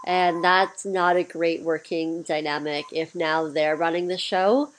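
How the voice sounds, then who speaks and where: Woman mentor, lower voice, scratchy from a cold, chatty and practical, faint hiss behind. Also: steady tone, a little slow. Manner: chatty, practical, with fillers and throat clearing. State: getting over a cold, scratchy voice. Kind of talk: recorded mentorship session.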